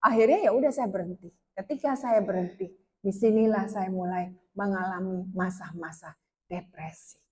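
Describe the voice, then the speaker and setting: A woman's voice: medium pitch, normal speed, in a large hall. A woman preacher telling her personal testimony in a sermon, speaking straight to the congregation with emotional storytelling. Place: church.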